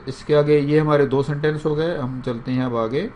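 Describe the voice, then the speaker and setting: A man with a Pakistani Urdu accent teaching an English lesson, repeating each English phrase slowly several times for learners to drill. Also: fairly high pitch, fairly even intonation, a little mellow, a little hiss or hum. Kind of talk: spoken language lesson.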